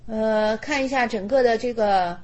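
Chatty husky woman giving a dharma talk. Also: on the high side, moderate pace, lo-fi sound. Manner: chatty, repeats phrases, storytelling. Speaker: Buddhist teacher.

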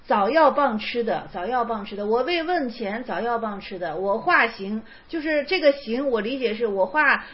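A woman giving a casual spoken lecture on Chan koans, retelling them conversationally and repeating each phrase. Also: high-pitched. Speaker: teacher explaining Chan koans. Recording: dull lo-fi recording.

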